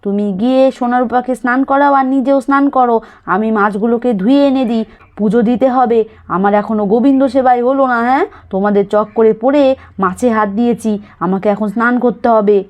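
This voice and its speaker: A woman voicing a sharp-tongued, proud elderly mother-in-law who scolds and nags in a doll cartoon. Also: on the high side, normal speed, close to an everyday voice. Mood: grumbling. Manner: scolding, nagging.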